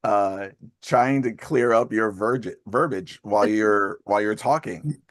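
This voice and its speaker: A man hosting a group video call, talking fast in a casual way and laughing often. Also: lowish voice, dry recording, studio quality. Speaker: call host.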